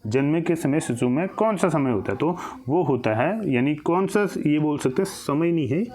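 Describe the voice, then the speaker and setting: A man's voice: a little high, animated, normal speed, a little mellow. A man teaching a recorded exam-prep lesson. He asks questions and answers them himself, often restarting and repeating phrases.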